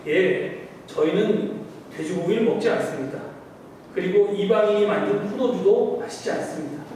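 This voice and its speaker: A male pastor voicing a pious but sly merchant in a sermon joke, giving plain, deadpan answers. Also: high-pitched, moderate pace, slight background noise, lightly acted. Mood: polite. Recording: echoey hall, distant mic.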